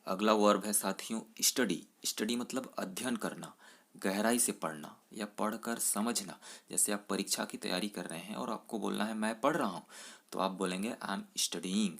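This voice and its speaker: Male language tutor with a somewhat low voice, explaining verbs step by step and reading example sentences slowly and deliberately. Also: gravelly, a bit bright. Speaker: English teacher. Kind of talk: Hindi-medium English vocabulary lesson.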